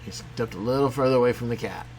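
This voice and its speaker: A man teaching a programming lesson in a casual, conversational way, talking as he clicks through software. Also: medium pitch, quick pace, a little hiss or hum. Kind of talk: screen-recorded coding tutorial.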